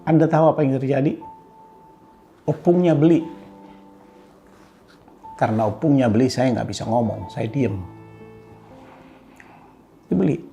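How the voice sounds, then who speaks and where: A man's voice: unhurried, creaky, long pauses, faint music behind. Older man telling a story. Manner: animated retelling with pitch jumps and chuckles. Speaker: speaker addressing an audience. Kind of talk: storytelling talk.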